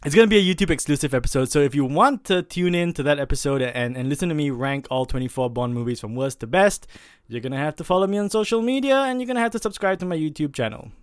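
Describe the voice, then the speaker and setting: A man hosts a casual podcast. His voice is smooth and resonant and sounds dry, with no room echo. He rambles, with plenty of fillers and restarts. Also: a little high, animated, fast talker, few pauses. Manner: rambling, with many fillers and self-corrections. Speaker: podcast host.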